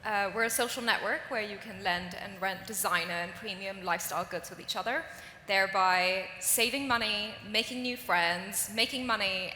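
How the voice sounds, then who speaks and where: Bright-voiced woman founder on a panel. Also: mid-range voice, slight background noise. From grew up in Singapore. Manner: earnest and emphatic. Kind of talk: live panel talk. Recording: roomy hall with faint ambience.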